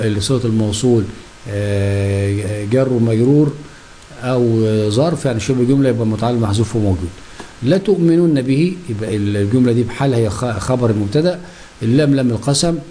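A man's voice: mid-range voice, mellow, slight background noise. A man with an Egyptian Arabic accent teaching a grammar lesson, who keeps asking himself questions and answering them.

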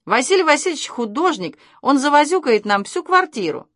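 An exasperated, blustering father, fussy and bewildered, as a woman reads him in a storybook. His voice jumps around, lively and dry. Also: high voice, fairly quick, dry recording, voice pushed up.

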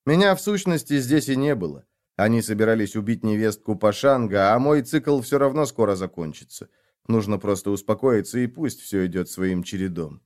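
A man's voice: lowish voice, a little mellow. A man narrating a fantasy audiobook in the first person, reading dramatically.

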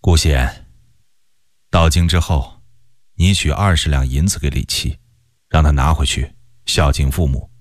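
A man's voice: a bass voice, no echo, clean studio sound, pitched below the performer's own voice. A man voicing a grave, resolute old-time general. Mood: kindly. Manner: firm, grave and measured. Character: resolute loyal Ming general, middle-aged man.

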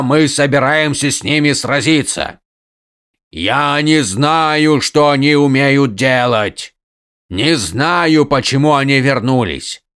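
A man's voice: on the high side, pushed and bright, clean tone, no room sound, studio quality, exaggerated voice. A man voicing a stern aging warlord who addresses his troops in a commanding, declamatory way.

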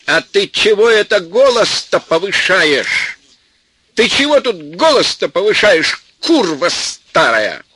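A man voicing a hot-tempered, defiant young village man who shouts back at his mother-in-law. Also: a little high, animated, unhurried, a little hiss or hum, pitched above the performer's own voice.

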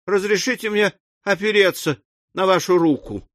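A man voicing a tender, lovesick gentleman in an audiobook, soothing and ardent. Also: sits high, normal speed, no echo, studio quality, pitched above the performer's own voice.

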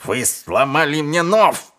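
A man voicing a smug male head of assassins who speaks in a slow, drawn-out, haughty way. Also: lowish voice, expressive, darkish tone. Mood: outraged.

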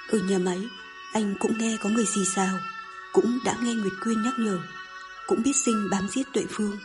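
A woman narrating a novel in an even, measured storytelling manner. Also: mid-range voice. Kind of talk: scripted audiobook narration.

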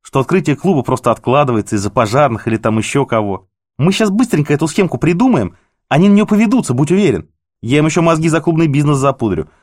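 A man voicing a desperate, scheming male manager in an audiobook, pleading and then shrill and threatening. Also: expressive, fast talker, a little mellow, dry recording, clean studio sound. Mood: wheedling. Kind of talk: audiobook character voice.

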